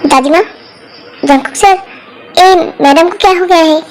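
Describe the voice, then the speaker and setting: A woman's voice: very high voice, unhurried, music in the background. A woman voicing a fussy, nosy male assistant who blurts things out. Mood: fussy worried.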